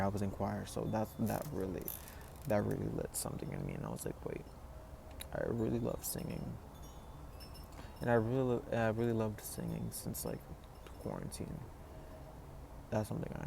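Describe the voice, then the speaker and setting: A man's voice: on the low side, creaky. A man of twenty talking casually to camera, rambling and reflective, with many "like"s and "you know"s. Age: 20s. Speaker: vlogger. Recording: noisy background ambience.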